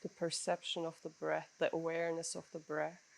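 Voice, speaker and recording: Woman meditation teacher, lowish voice, guiding breath counting, measured with pauses. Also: flat delivery, creaky, poor audio. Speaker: meditation instructor.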